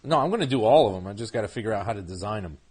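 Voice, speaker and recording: A man's voice: lowish voice, animated, racing, darkish tone, breathy edge. A man co-hosting a casual podcast about comic books, joking, swearing freely and laughing often. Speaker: podcast co-host.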